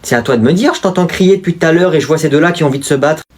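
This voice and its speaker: A man playing a firm, authoritative adult woman calming down teenagers. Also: fairly high pitch, rapid-fire, natural voice. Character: firm middle-aged woman supervisor. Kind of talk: comedy sketch acting.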